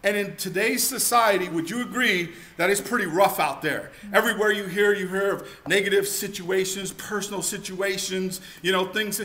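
High, bright-voiced energetic seminar speaker man. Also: normal speed, few pauses. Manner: energetic, emphatic, rhetorical questions. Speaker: keynote speaker. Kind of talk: motivational seminar talk. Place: hotel meeting room with audience.

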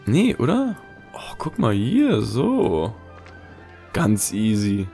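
A man's voice: on the low side, huge pitch swings, takes it slowly, creaky, mellow, soft background music. A man giving casual game commentary, muttering short questions to himself. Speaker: gaming video host. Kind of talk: casual let's play commentary.

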